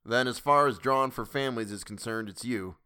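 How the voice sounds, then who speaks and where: A man voicing a brisk middle-aged official running a village lottery, formal and businesslike. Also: mid-range voice, bright, forceful tone, smooth, natural voice. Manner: brisk, formal, calling out names.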